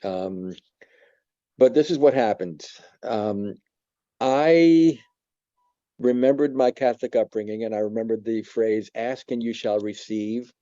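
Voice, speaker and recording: Reflective man in his seventies, dark voice. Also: mid-range voice, no echo, dull audio. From New York. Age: 70s. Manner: halting, reflective, many pauses and fillers. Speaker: church member giving testimony. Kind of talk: personal testimony.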